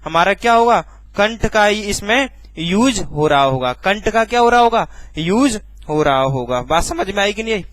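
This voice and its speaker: A male teacher giving a lesson, asking questions and answering them himself, and repeating key words slowly to drill them in. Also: high-pitched, expressive, fairly bright tone, dry recording. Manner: calls listeners bhai and sir colloquially. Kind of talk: recorded classroom lesson.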